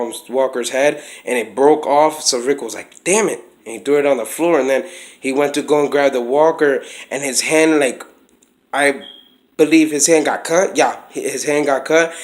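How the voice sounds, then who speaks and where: A man's voice: medium pitch, rough recording. A man talking casually to his viewers in a video, rambling in a loose, conversational way and often restarting his sentences. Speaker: vlogger. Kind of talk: casual vlog talk to camera.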